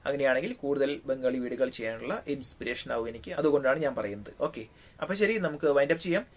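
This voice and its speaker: A man with a Malayali accent giving a relaxed, casual spoken language lesson, pausing often on drawn-out fillers. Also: medium pitch. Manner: unhurried, frequent drawn-out fillers. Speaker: language teacher.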